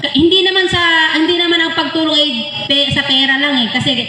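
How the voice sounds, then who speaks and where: A Filipino woman addresses trainees at a ceremony in a high, bright voice. She speaks as a rallying organizer, often prompting listeners to agree. Her voice rings with heavy echo in a large hall. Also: fairly quick. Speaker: volunteer organization officer giving a graduation address. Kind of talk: motivational ceremony speech to trainees. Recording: echoey hall with long reverb, faint noise.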